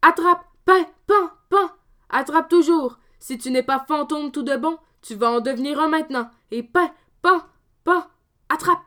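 A woman voicing a bold, hot-tempered farmer brother, loud and blustering in his threats. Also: fairly high pitch, moderate pace, close to an everyday voice. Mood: furious, shouting.

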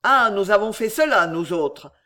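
Lady doing a proud furious poet guy, loud and declaiming, swings up and down. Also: big pitch swings, a little slow. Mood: raging indignation. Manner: indignant, booming, declamatory. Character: proud, indignant man poet, quick to rage.

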